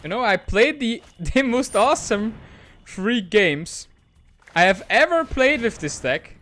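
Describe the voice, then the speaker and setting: Excitable high-voiced man commentating a card game. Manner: excitable, quick, self-mocking. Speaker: gaming channel host. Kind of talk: gameplay commentary.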